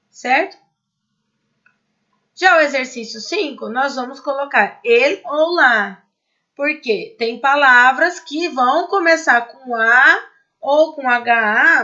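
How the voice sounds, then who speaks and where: A high, bright-voiced Brazilian woman explains Spanish grammar at an unhurried pace, checking that her students follow along. She reads each example word slowly and carefully. The recording sounds a little dull and lo-fi. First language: Portuguese. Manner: explains patiently, checks in with "certo?" and "né?". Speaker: Spanish teacher. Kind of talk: recorded online class explanation.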